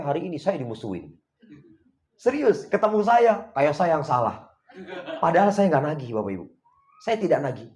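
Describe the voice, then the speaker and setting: A middle-aged man giving a motivational seminar talk, animated, swinging between loud and hushed, often chuckling. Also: a little high. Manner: chuckles often while telling stories. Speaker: motivational coach.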